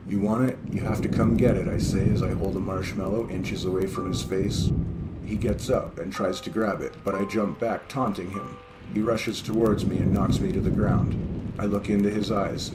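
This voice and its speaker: Deep-voiced man reading scary stories. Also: steady tone, moderate pace, loud music behind the voice, low-quality recording. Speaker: story reader. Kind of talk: scripted horror story narration.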